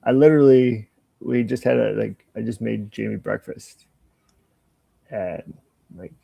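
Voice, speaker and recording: A man's voice: lowish voice, gravelly, dark tone, slightly rough, no room sound. An older man co-hosting a casual podcast, rambling through stories and ideas, swearing freely and acting out both sides of a conversation. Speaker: podcast co-host. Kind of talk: casual chat.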